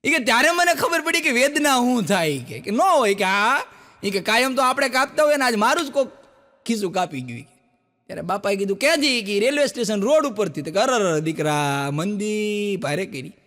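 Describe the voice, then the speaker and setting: With a high, slightly fast voice, this stand-up performer tells lively Gujarati folk jokes to a live audience in a hall with long reverb. He animates each story by acting out the quoted characters with pitch jumps as listeners laugh.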